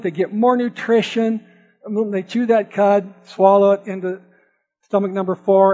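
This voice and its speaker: A man's voice: sits high, a little mellow. A man preaching to an audience, telling a playful folksy farm story and joking with the crowd. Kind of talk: sermon with storytelling. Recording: dull audio with long hall reverb.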